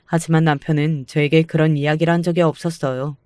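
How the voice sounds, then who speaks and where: Calm woman narrating a family story. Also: low-pitched, quick pace, dry recording, clean studio sound. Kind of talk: first-person radio story narration.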